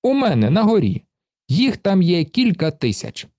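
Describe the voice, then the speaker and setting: Guy putting on a bouncy high carefree little braggart from a storybook, lively swings, dry close sound. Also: moderate pace, no echo. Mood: breezy. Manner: cheerful, brushes off trouble. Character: boastful carefree plump little man.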